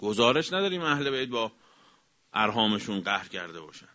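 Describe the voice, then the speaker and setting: A man delivering a religious lecture, emphatic, swinging from raised exclamations down to quiet, low remarks. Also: big pitch swings. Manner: emphatic, rising to exclamations then dropping low. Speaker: cleric.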